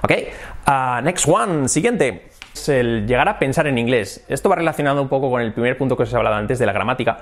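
A man with a Spain Spanish accent gives a casual lesson as an English teacher. His voice sits at an ordinary middle pitch. He talks in an animated way and is used to switching tones to demonstrate phrases. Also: fast talker.

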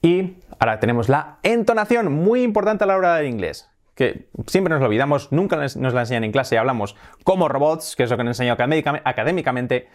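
A man from Spain with a Spain Spanish accent, hosting an upbeat video lesson and repeating phrases slowly for learners. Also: medium pitch, lively intonation. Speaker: English teacher and host.

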